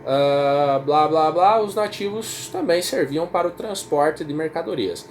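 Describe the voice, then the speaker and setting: A Brazilian history teacher, with a Brazilian Portuguese accent, lectures informally in a somewhat high, animated voice that moves a little slowly. He repeats himself casually and keeps checking in with "certo?" and "tá?", and the recording has slight background noise.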